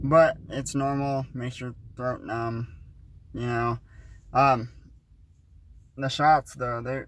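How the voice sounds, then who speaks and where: A man in his twenties with a slight lisp, chatting casually to his vlog audience, talking fast and rambling with restarts and fillers. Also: mid-range voice, a bit bright. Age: 20s. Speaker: vlogger.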